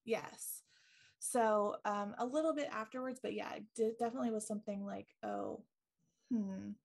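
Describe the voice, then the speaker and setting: Gravelly-voiced woman telling a spooky story to her cohost, lots of um and like. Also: a little high, a little fast. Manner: chatty, many ums and likes, laughs easily. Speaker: podcast co-host. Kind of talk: casual storytelling chat.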